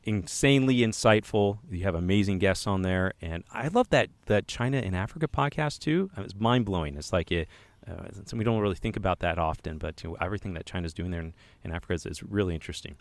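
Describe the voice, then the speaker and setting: Upbeat low-voiced podcast co-host, a man. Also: quick pace, creaky, no echo. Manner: enthusiastic, upbeat, with frequent fillers. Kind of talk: casual chat.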